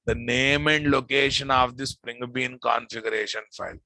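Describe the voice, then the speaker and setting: Teaching a live programming class, this Telugu-accented man lectures informally, repeats himself and frequently quizzes the group. He speaks at medium pitch and a moderate pace with fairly even intonation, in a creaky, pushed, bright voice. There's no echo, though the recording is rough.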